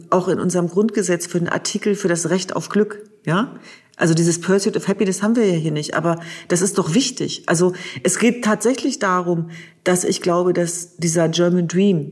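A husky-voiced speaker arguing a point in an impassioned conversation. The delivery is emphatic and urgent, with key phrases repeated for weight. The pitch sits at a middling height. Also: a little mellow. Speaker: discussion partner.

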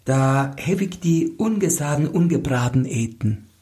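A man voicing a humble young maiden who recites rhymes slowly in a sing-song way. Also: a little high, expressive, warm tone, voice pushed up. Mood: gentle. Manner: slow sing-song rhyming.

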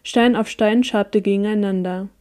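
A woman reads a first-person story aloud with an even, steady delivery. Her voice is warm and mellow, set at a middling pitch for a woman. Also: normal speed, smooth. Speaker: audiobook reader.

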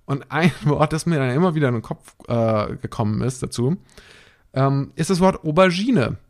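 A man of middle pitch talks through ideas in a relaxed chat. He muses aloud, pauses to find the right word, and often laughs lightly as he goes. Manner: thoughtful, searching for words, light laughter. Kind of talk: casual chat.

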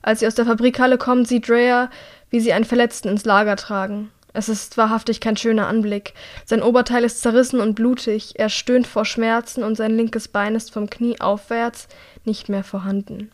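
A woman reading a novel aloud in calm, measured narration. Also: a little high. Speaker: audiobook narrator. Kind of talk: scripted narration.

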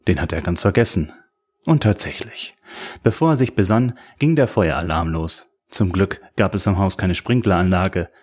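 Low, husky male audiobook narrator. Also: animated, normal speed, darkish tone.

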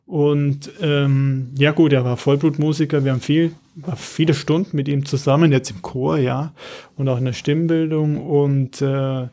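A middle-aged man, reminiscing in a casual podcast chat, reflective and halting. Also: mid-range voice, a little mellow. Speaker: podcast co-host.

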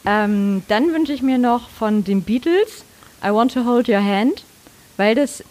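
A woman's voice: on the high side, animated, measured pace, a little mellow. A woman co-hosting a podcast who talks earnestly and reflectively in a casual chat. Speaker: podcast co-host.

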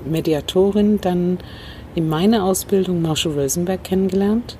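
A woman from Northern Ireland, fairly low in pitch with a dark tone, is interviewed outdoors on a city rooftop terrace. A communication trainer, she looks back on her past thoughtfully, pausing and filling gaps, while faint traffic and a passing train sound in the background.

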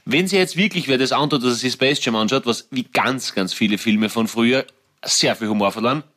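A man chatting casually as a podcast host, animated and quoting film lines from memory. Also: mid-range voice, a little fast. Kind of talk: casual chat.

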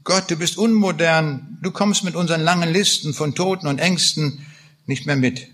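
A man's voice: on the high side, moderate pace, a bit bright. A man reading aloud the part of a bitter, grieving soldier who accuses God with pleading questions. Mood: bitter accusing.

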